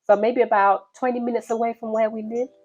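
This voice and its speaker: A woman's voice: on the high side, flat delivery, a little fast, a little mellow, highs cut off, soft background music. A woman, telling a personal story to her vlog viewers in an earnest, direct way and calling them "guys". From Liberia. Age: 50s. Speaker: vlogger.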